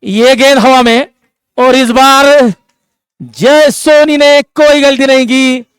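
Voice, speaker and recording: A man giving live ball-by-ball cricket commentary, with excitable, drawn-out calls on the big moments. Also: very high voice, smooth, dry recording, studio quality.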